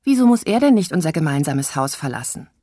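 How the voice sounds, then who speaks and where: A woman voicing an excitable, dreamy young girl who overacts and chatters on. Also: sits low, fast, breathy edge, no echo, studio quality, heavily acted. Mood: chatty. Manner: theatrical, then hesitant and chatty.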